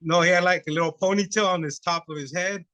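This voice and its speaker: A man's voice: high-pitched, fairly even intonation, fast, bright, forceful tone, clear, resonant tone, no echo. A man chatting enthusiastically on a podcast about old fights, saying "dude" often. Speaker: podcast guest. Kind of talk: casual chat.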